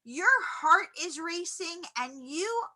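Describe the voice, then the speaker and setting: A woman teaching a college psychology class in a classroom, animated and acting out loud reactions as she explains. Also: extremely high pitch, takes it slowly, low-quality recording. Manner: animated, acts out quoted reactions loudly. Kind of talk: classroom lecture.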